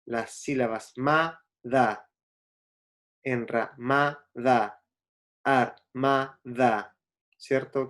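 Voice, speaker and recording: A man teaching a class, patiently checking in with his listeners and spelling out letters and syllables. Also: medium pitch. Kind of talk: classroom explanation.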